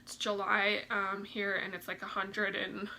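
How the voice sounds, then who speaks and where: Young woman vlogger, bright and a bit gravelly, chatty and slightly breathless, faint room noise. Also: medium pitch, completely flat delivery, unhurried, rough recording. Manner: chatty, full of fillers like "like" and "um". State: a little out of breath. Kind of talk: casual pregnancy update vlog.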